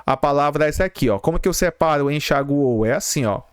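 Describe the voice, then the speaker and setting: The studio recording is clean with no room sound, carrying a man's fairly high, fast voice and clean tone. With a Brazilian Portuguese accent, he teaches exam-prep grammar step by step, repeats key terms, and checks in with his viewers.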